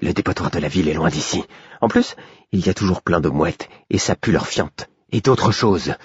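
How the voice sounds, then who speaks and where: A man's voice: low-pitched, lively intonation, normal speed, husky, no room sound, muffled recording, heavily acted. A man voicing a sly, hungry male wolf who mocks and speaks in another's mind, in an audiobook. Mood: greedy. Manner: mocking, eager.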